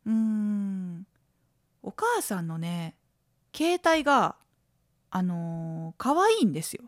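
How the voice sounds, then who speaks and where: A woman's voice: slow pace, no room sound, clean studio sound. A woman around forty from Tokushima, Japan, chatting alone on her podcast in a playful way, acting out quoted lines. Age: late 30s to 40s. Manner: lively, playful, acts out quoted lines in a higher voice. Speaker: podcast host. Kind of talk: solo podcast chat.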